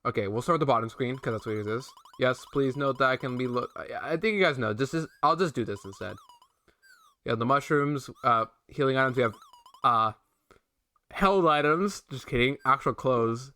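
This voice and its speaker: Bright, playful young male streamer. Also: mid-range voice, lively intonation, normal speed. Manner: rambling, playful, chatting to viewers. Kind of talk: casual game-stream commentary.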